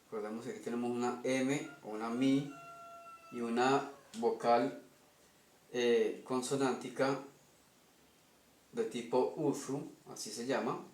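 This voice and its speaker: A man with a Colombian Spanish accent stands at a whiteboard explaining an invented language, working step by step and often pausing to ask "ok?". His mid-range voice is steady and darkish, a little slow with frequent pauses, and the sound is roomy.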